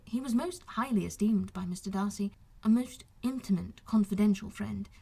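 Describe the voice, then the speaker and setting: A woman voicing a wronged young gentleman officer in an audiobook, talking in a formal, earnest, confiding way. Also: medium pitch, moderate pace, vocal fry, slightly rough. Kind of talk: audiobook character dialogue.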